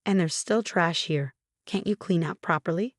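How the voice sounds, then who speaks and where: A bossy, critical older mother-in-law, put on by a woman narrator who scolds and demands in a fairly low voice. The sound is dry and close, with no room around it. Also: moderate pace, no echo, natural voice. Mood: demanding.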